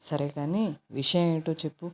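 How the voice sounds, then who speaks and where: A woman's voice: deep voice, steady tone, normal speed. A woman voicing a headstrong, pampered young woman who has just become a mother, speaking in a sulky, wheedling way. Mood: pouting.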